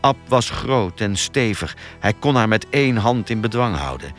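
A man narrating an audiobook thriller in a steady, expressive storytelling manner. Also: lowish voice, moderate pace, faint music behind.

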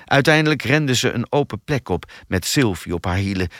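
A man narrating an audiobook thriller in a steady, expressive storytelling manner. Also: mid-range voice, normal speed, no room sound, studio quality.

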